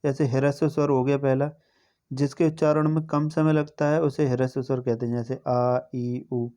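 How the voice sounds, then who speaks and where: A male teacher giving an exam-prep grammar lesson, explaining step by step, spelling out sounds slowly and often checking in with "okay". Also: medium pitch, little pitch movement, warm tone. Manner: explanatory, repeats "ठीक है" as a check-in.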